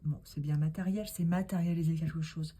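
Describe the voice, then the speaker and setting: A woman's voice: low-pitched, fairly even intonation, brisk, dark tone, breathy edge. A woman doing a casual tarot card reading, talking straight to the viewer in an encouraging, rambling way. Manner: rambling, with many fillers and asides.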